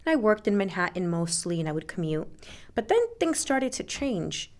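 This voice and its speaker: A woman from Colombia who works as a realtor, talking relaxed and conversational as a podcast guest. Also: mid-range voice, moderate pace. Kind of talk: podcast interview.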